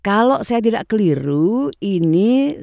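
Mellow, low-toned woman interviewing. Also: big pitch swings, measured pace, creaky, dry recording, studio quality. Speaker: radio interviewer. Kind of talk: conversational radio interview.

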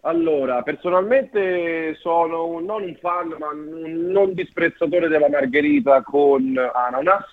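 A man calling in to a talk show over a landline phone, telling his complaints in a wry, measured way. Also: fairly high pitch. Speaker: caller. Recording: dull phone line.

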